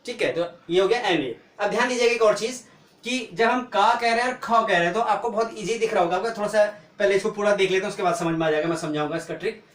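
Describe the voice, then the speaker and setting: A man teaching the alphabet, spelling out each letter slowly and answering his own questions as he explains. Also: sits high, fairly bright tone, reverberant. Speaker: language teacher. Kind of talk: explaining lesson.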